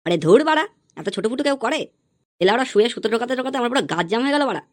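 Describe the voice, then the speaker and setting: A woman's voice: fairly high pitch, lively intonation, rapid-fire, natural voice. A woman voicing a crude, hot-tempered middle-aged father in a comedy cartoon, swearing coarsely and bellowing threats. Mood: grumbling.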